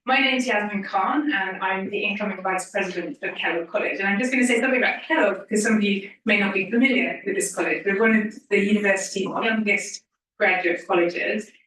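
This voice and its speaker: A woman's voice: medium pitch, fairly quick, a bit bright, a little hiss or hum. A woman introducing a guest and hosting an onstage interview at a university event, with frequent ums. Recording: echoey hall from far off.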